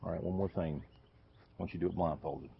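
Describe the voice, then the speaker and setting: A man's voice: deep voice, steady tone, a little fast, vocal fry, breathy edge, dry recording, heavily acted. An actor playing a demanding male football coach, urging a player on with repeated short commands on a field. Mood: instructing. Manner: urgent shouted encouragement, repeating short commands. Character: driven male high school football coach, demanding and relentless. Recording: dull film audio, distant, loud score.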